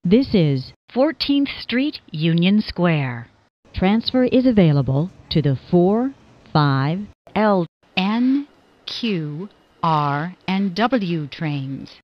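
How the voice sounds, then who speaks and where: Female transit announcer, spliced-together words, slow clipped delivery, lively jumpy pitch, muffled lo-fi. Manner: slow, deliberate, clipped phrases. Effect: spliced-together words, jumps in pitch and loudness. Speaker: train announcer. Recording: muffled lo-fi recording.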